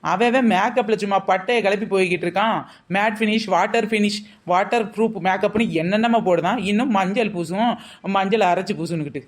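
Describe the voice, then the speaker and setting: A woman playing a crafty young village shop girl with a pitch for everything. Her wisecracking sales patter comes, in a mid-range everyday voice for a scripted comedy skit. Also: a little fast, close to an everyday voice. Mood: sly. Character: scheming young village shop girl selling hair oil. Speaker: shopkeeper.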